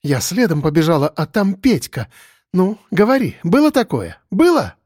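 A man's voice: fairly high pitch, big pitch swings, normal speed, a little mellow, no echo, clean studio sound, pitched above the performer's own voice. A man reading an audiobook, voicing a young woman who shrieks her accusations in hatred. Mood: shrill. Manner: screeching, accusing.

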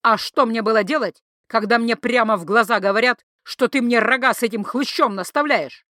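A woman voicing a jealous, hysterical male city official who shouts accusations at his wife. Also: on the high side, normal speed, no echo, clean studio sound, close to an everyday voice. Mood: accusing. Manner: loud, accusing, whiny.

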